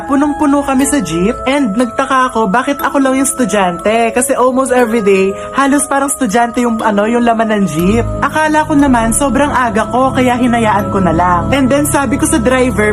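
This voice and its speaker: A young woman telling her own ghost story in a casual way, mixing English into her Tagalog. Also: a little high.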